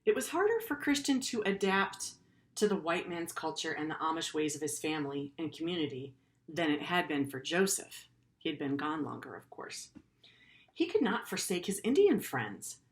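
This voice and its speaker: A middle-aged teacher whose voice is on the low side reads a story aloud to pupils, earnest in tone and dropping in simple, casual explanatory remarks.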